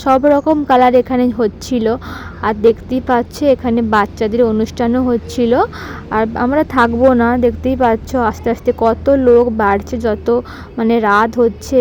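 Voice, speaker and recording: A hoarse, soft-spoken woman with a slightly high voice talks casually through a vlog voice-over. She chats straight to her viewers in an easy way. A faint hum of noise sits behind her. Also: muffled recording. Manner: chatty, addresses viewers directly. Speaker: vlogger.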